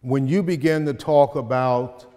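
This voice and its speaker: Here a middle-aged man, known as a poet and community speaker, shares stories and performs his spoken-word poetry in a medium-pitched voice. His delivery is slow and deliberate, marked by dramatic pauses, and it swells to loud emphasis when he reaches the verses. The recording comes from a far-off camera inside a large, bright hall with tall arched windows, so the sound carries hall reverb.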